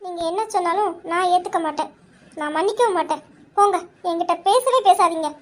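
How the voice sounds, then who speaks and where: A stubborn young wife, played by a woman, fires off indignant retorts in a comic couple skit. Her voice sits very high and the words tumble out fast. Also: a bit bright. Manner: scolding, indignant, quick retorts.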